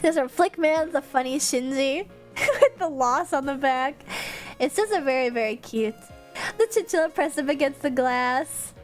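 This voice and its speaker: Reading fan messages aloud and giggling, a young streamer with a stuffed-up nose chats casually on her live stream. Her voice is high and animated but a little slow, with faint music in the background.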